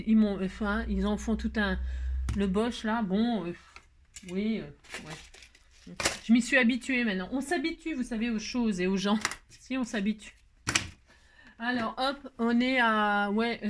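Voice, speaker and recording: A French woman hosting a crafting tutorial, chatting casually to viewers as she works, humming little tunes and scolding herself over slips. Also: medium pitch. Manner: chatty, talks to herself while working, hums little nonsense tunes; expressive, scolds herself when upset. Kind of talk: casual live crafting chat.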